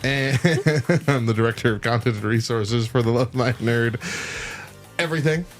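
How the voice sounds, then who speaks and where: A man's voice: mid-range voice, a little fast, faint music behind. A man hosting a casual podcast, laughing often and rambling through loose asides. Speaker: podcast host.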